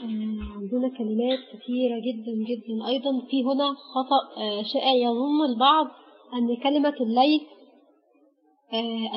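A woman with an Egyptian accent teaching an Arabic grammar lesson, patiently naming letters one by one with pauses. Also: a little high, breathy edge. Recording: dull lo-fi recording.

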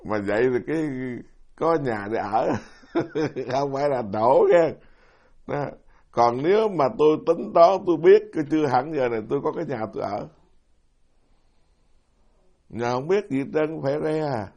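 A man's voice: a little high, lively intonation, moderate pace, long pauses, darkish tone, dull audio. A middle-aged man, a Buddhist monk giving a folksy, self-deprecating dharma talk who keeps putting questions to his audience. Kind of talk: sermon.

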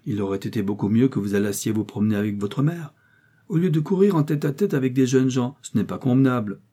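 A man voicing a serious, reproachful old uncle who speaks gravely. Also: medium pitch, moderate pace, dark tone, lightly acted. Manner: grave and admonishing.

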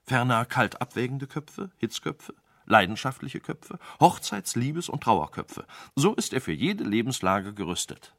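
A man's voice: medium pitch, very animated, a little slow, fairly bright tone, no echo, clean studio sound, voice pushed up, full character voice. A man voicing a cautious second wise man telling a strange tale to a king in a radio play.

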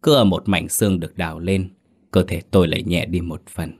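A male storyteller reads a ghost story in a measured, somber way. His voice is very low and steady, with an even reading pace. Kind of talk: scripted ghost story narration.

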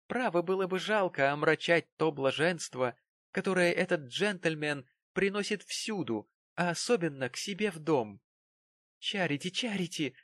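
Guy doing a shrill snooty young lady, voice way up high, super dry sound. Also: expressive, moderate pace, a bit bright, no echo. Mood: scornful. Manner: shrill, scornful. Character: haughty shrill young woman, scornful.

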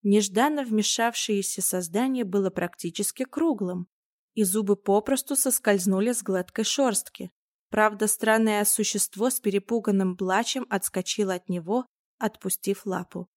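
A woman narrating a storybook with a steady, expressive reading. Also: medium pitch, normal speed, no echo, studio quality. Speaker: audiobook narrator.

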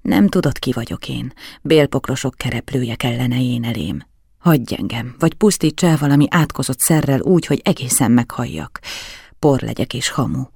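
A man's voice: mid-range voice, lively intonation, creaky, darkish tone, breathy edge, no room sound, clean studio sound. A man voicing a powerful margrave who is terrified and desperate, swinging from eager to frantic to whispered pleading in an audiobook. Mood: despairing. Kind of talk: audiobook character voice.

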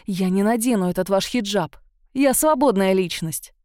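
A woman voicing a proud young female captive who shouts insults at her kidnapper. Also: medium pitch, normal speed, no room sound, clean studio sound, lightly acted. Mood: defiant.

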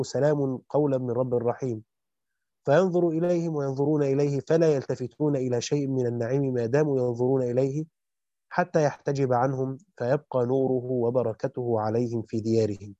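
A man reads through a classical Quran commentary at speed, steady and matter-of-fact, fixing small slips as he goes. His voice is dark and mellow. The recording is dry and a bit dull, like a lo-fi home setup. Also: medium pitch, dry recording. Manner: fast and even, with quick self-corrections. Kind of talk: rapid scholarly reading aloud.

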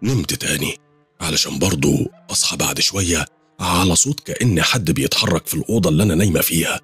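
A man with an Egyptian accent narrating a first-person horror story, quick and animated. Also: deep voice, breathy edge, faint music behind. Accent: Egyptian Arabic.

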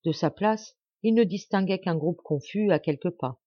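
A woman narrating an audiobook of a classic novel with an expressive, dramatic reading. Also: fairly low pitch, moderate pace, dry recording, highs cut off.

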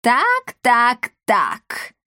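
A woman's voice: on the high side, huge pitch swings, very slow, sharp tone, dry recording, studio quality, voice pushed up, full character voice. A woman voicing a nasty, scheming old male apothecary who sneers and threatens in an audiobook. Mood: sneering.

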